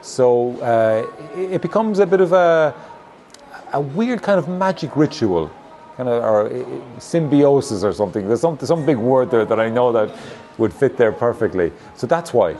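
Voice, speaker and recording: A man's voice: medium pitch, expressive, normal speed, warm tone, faint music behind. A man from Galway with a west of Ireland accent, answering interview questions as a stage actor and often feeling for his words. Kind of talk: interview answers about own work. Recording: clearly noisy location recording with ambience.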